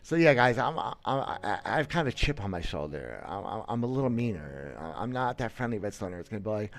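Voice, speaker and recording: Quick-paced and lowish, with big pitch swings, a man in his thirties provides casual commentary on his gaming livestream. He's in a small room on a headset mic with webcam framing, and his talk is blunt, boastful, and riddled with stammers and restarts.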